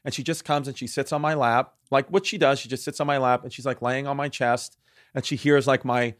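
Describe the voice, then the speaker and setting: Male podcast host, thirties, mid-pitched, dry close mic, rambling and laughing. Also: steady tone, a little fast, dry recording. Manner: rambling, repeats words, laughs often. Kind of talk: casual comedic chat.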